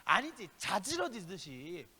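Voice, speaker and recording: High-voiced impassioned male preacher. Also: huge pitch swings, a little slow, slightly rough, in a large hall. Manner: impassioned preaching, shifting between loud exhortation and hushed asides; speaks directly to listeners with rhetorical questions. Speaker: youth pastor. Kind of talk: youth sermon. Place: church sanctuary.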